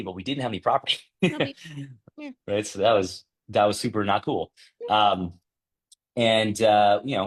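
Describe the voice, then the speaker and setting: A man in his thirties presenting a workshop in a casual, chatty way, often tagging "right?" and acting out past conversations. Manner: acts out past dialogue with lively jumps in pitch.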